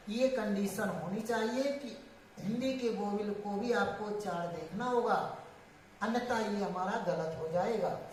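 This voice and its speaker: A woman's voice: medium pitch, a little mellow, a little hiss or hum. A woman explaining English grammar to a class, often asking a question and then answering it herself, with frequent restarts. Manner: repeats and restarts, asks and answers own questions. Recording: distant echoey room sound.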